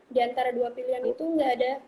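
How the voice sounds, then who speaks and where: A woman's voice: high voice, fairly even intonation, quick pace, mellow. A young woman in her twenties answering interview questions over a phone call, rambling and searching for words with many fillers. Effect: heard over a phone or online call. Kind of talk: casual interview. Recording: phone-like line with faint noise.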